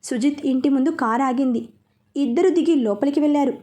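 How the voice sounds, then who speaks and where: High-voiced woman narrating a story. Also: a little fast, warm tone.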